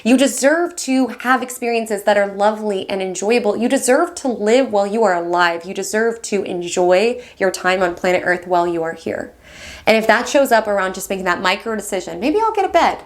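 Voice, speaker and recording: Fast-talking encouraging astrology host, woman. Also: medium pitch. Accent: West Coast American. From United States. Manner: fast, excited, affectionate and encouraging. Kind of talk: weekly horoscope monologue.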